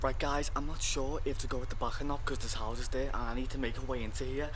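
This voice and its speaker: An eager young man narrates his own exploring trip, his voice at an ordinary male pitch. He is recorded on a camera held at arm's length outdoors. Clear background noise runs under his voice. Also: fast. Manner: excited, keeps addressing viewers as guys. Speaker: urban explorer vlogger. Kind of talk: handheld exploring vlog. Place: outdoors around derelict buildings and a garage.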